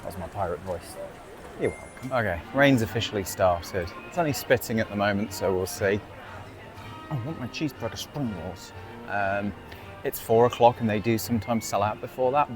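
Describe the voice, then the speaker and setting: A man chatting casually to camera as he vlogs outdoors in a theme park, upbeat and self-mocking. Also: lowish voice. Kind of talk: casual vlog chat.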